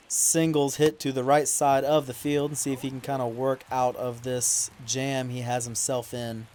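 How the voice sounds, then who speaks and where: Man commentating his video game playthrough. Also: medium pitch. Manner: relaxed commentary, flaring into loud indignant complaints at calls. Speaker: gaming YouTuber. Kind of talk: casual play-by-play commentary over a video game.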